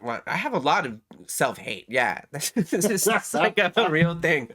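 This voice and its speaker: A man's voice: fairly high pitch, sing-song, unhurried, fairly bright tone. A man co-hosting a podcast, chatting casually about politics in a rambling, self-mocking way that often trails off. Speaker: podcast co-host.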